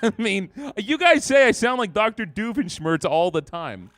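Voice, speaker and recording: A man giving excitable, jokey commentary while playing a game on a live stream. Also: high voice, normal speed, no echo. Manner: excitable, jokey trash talk.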